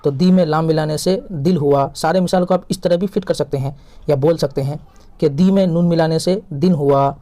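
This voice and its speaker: A man teaching a reading lesson, patiently sounding out syllables and repeating each example slowly. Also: fairly high pitch, steady tone, mellow. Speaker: Urdu teacher.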